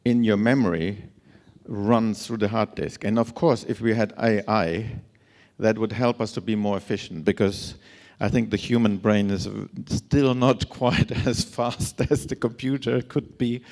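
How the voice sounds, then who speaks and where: Gravelly low-voiced man giving a lecture. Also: fairly even intonation, a little slow, darkish tone. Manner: hesitant, many fillers and restarts. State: scratchy voice from long travel. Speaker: lecturer on instrument certification. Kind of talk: conference lecture. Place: lecture hall.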